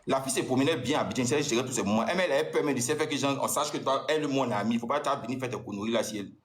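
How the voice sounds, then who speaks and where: With an Ivorian French accent, a man gives a heated personal account directed at his ex, accusing her and often repeating himself. He talks very fast in a medium-pitched voice, and the recording sounds roomy.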